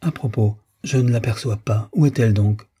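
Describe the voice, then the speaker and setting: A man reading a lovesick young gentleman. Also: mid-range voice, normal speed, breathy edge. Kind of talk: audiobook character reading.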